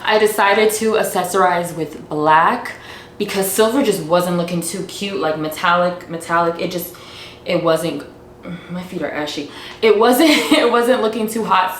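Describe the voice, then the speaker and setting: A woman's voice: medium pitch, slight background noise. A woman fashion vlogger chatting casually with viewers while getting ready, in a playful, talkative way. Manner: chatty, playful, talks to viewers as "you guys" and "y'all". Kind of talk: casual get-ready-with-me chat. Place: hotel room. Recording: echoey hotel room.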